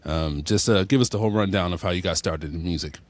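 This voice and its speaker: Deep-voiced man host asking rambling questions. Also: quick pace. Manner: loose, rambling stacked questions full of fillers. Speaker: podcast host. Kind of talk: casual interview questions.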